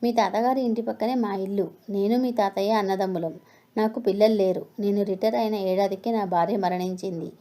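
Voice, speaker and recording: A woman's voice: medium pitch, fairly even intonation, a little fast, mellow, close to an everyday voice. Woman reading as a preachy old retired teacher. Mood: lecturing. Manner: lecturing, preachy. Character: elderly retired male schoolteacher, stern and moralizing.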